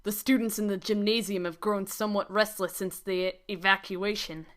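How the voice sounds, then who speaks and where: Woman reading game text, bright tone. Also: medium pitch, fairly even intonation, normal speed. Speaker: game dialogue reader.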